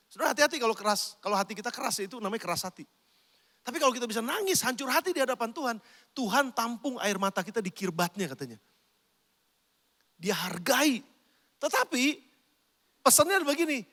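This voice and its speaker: A man's voice: extremely high pitch, pushed and bright, big-room sound. A man preaching a sermon as pastor, talking conversationally and addressing the congregation directly. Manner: conversational preaching, addresses listeners as brothers and sisters.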